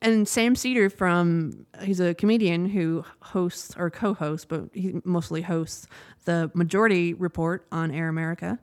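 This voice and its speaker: A woman's voice: fairly low pitch, fairly even intonation, unhurried, hardly any pauses, no echo, clean studio sound. A young woman hosting a casual podcast, telling a story in a chatty, rambling way with frequent laughs. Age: young adult. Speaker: podcast host. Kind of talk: casual monologue.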